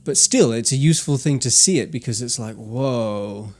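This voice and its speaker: An animated young podcast co-host talks fast in a mid-range, slightly mellow voice. His casual conversation is reflective and meandering, with many restarts.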